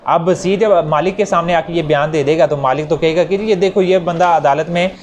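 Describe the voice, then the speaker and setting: A man with a Pakistani accent and a fairly high voice speaks fairly quickly, giving an explanatory law lecture. He repeats and rephrases points and works through examples for students, with noticeable background noise in the recording.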